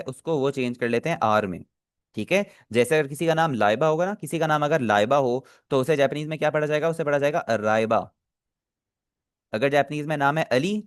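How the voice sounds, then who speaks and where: A man's voice: mid-range voice, no echo, studio quality. Patient man teaching an online lesson. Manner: patient, repeats and checks understanding with filler phrases; asks the class questions then answers them. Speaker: Japanese language teacher.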